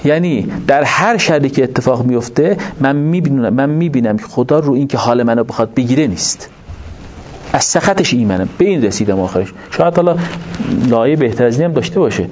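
A man giving a religious lecture to an audience, explaining points in an animated way and asking rhetorical questions. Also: mid-range voice. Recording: dull lo-fi recording with faint noise.

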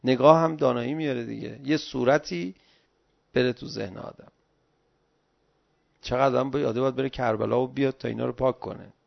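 Middle-aged man, sermon, pleading exclamatory delivery, gravelly, dull lo-fi recording. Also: medium pitch, steady tone, pauses often. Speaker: religious lecturer. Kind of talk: sermon-like religious talk.

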